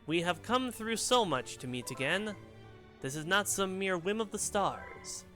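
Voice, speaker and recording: A man's voice: sits high, lively intonation, a little slow, a bit bright, faint music behind. Rosalina, a serene cosmic mother done by a man. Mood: solemn, tender. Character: serene female cosmic guardian, motherly and solemn.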